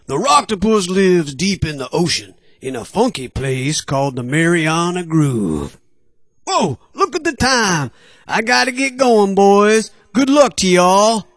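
A man's voice: sits high, big pitch swings, measured pace, a bit bright, no room sound, studio quality, pitched above the performer's own voice, full character voice. A man voicing a friendly, kindly old male whale in a children's audio story, talking in a folksy, chatty way.

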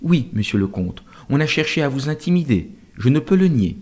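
A man voicing a shrewd army general who talks in a measured, conciliatory way. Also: medium pitch, big pitch swings, darkish tone, natural voice.

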